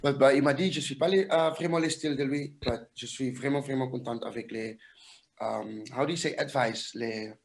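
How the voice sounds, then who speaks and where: A man from Curaçao with a Curaçao accent, a singing contestant giving an interview in halting French mixed with English. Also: mid-range voice, fairly even intonation, creaky, a little hiss or hum. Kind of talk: casual interview.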